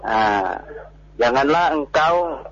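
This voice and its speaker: Male caller from Medan, very slow and hesitant, polite, dull phone-in sound. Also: medium pitch, lively intonation, a bit bright, slight background noise. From Medan, Indonesia. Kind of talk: phone-in student reciting exercises.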